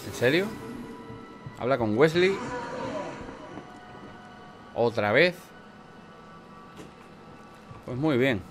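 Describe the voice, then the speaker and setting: A man's voice: mid-range voice, expressive, takes it slowly, soft background music. A man with an accent from Spain giving casual let's play commentary, swearing freely and talking back at game characters. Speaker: gameplay commentator.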